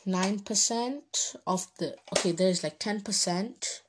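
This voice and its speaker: A woman's voice: medium pitch, slow, noisy background. An eighteen-year-old woman from Bangladesh, hosting her own casual podcast. She rambles, hesitates and restarts her sentences often. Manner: chatty, informal. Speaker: podcast host. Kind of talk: casual solo podcast monologue.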